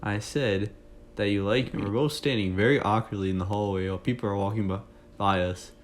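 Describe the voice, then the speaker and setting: A man's voice: on the low side, fairly even intonation, fairly quick. A young man telling a casual, jokey story to his viewers, rambling with fillers and asides. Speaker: storytime vlogger.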